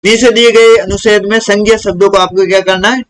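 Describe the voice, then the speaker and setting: Man, high voice, teacher explaining to kids, asks and answers his own questions. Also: steady tone, brisk, low-quality recording. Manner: repeats questions and answers them himself. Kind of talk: explaining a school lesson to children.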